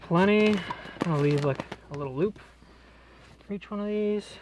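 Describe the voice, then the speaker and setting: A man's voice: sits high, moderate pace, heavy background noise. A man explaining electrical work on the job in a cramped basement, in a casual, joking way. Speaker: electrician host. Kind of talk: explaining on-the-job wiring to camera. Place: cramped basement crawl space.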